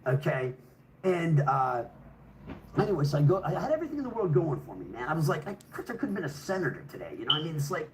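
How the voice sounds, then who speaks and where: Older man rambling and swearing, fast. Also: fairly high pitch, very animated, noisy background. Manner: rambling, heavy swearing, restarts sentences. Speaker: storyteller. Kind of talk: casual personal storytelling.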